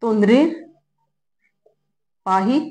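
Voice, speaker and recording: A woman's voice: medium pitch, very slow, a little mellow. A middle-aged woman teaching a grammar lesson, explaining step by step and checking in often with her students. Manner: patient, explanatory, checks in with "ठीक है" and "है ना". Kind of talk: classroom-style grammar lesson.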